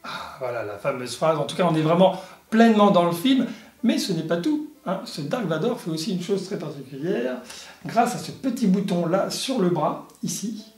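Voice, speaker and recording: A man presents a product in a casual, halting, explanatory way, as in a hands-on toy review. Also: high voice, expressive, darkish tone. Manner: halting, explanatory, punctuated with little sound effects. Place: indoor room. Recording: echoey room, faint music behind.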